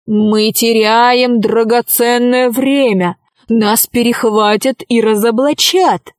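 A scheming male vampire from a storybook, as a woman reads him, drawing out his words slowly and persuasively. The voice sits fairly high and the sound is close and dry. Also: fairly even intonation, dry recording. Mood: exasperated. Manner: slow, coaxing, drawn-out delivery.

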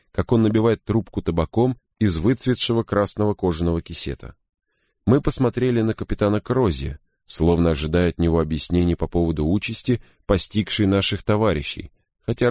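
A man reading a first-person story as an audiobook narrator, in a steady, grave way. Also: fairly low pitch, no echo, clean studio sound.

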